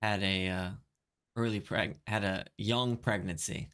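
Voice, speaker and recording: A man's voice: lowish voice, fairly even intonation, measured pace, fairly bright tone, clear, resonant tone. A man co-hosting a podcast in casual chat, laughing often and trailing off into restarts. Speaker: podcast co-host. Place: living in Korea.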